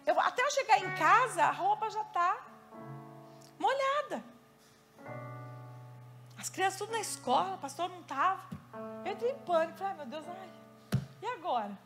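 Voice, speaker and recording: A Brazilian woman pastor preaching in church, her voice sitting high and bright. She tells lively stories and slips into quick quoted asides. Instrumental music plays clearly underneath her. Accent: Brazilian Portuguese. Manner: animated storytelling with quoted asides. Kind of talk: sermon.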